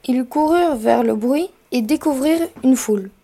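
A woman reads story narration in a plain, descriptive way. Her voice is high but has a mellow, dark tone. The reading is steady and even. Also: moderate pace.

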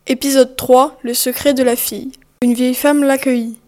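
A woman's voice: high-pitched, little pitch movement, moderate pace, darkish tone. A woman reading story narration and announcing the chapter titles.

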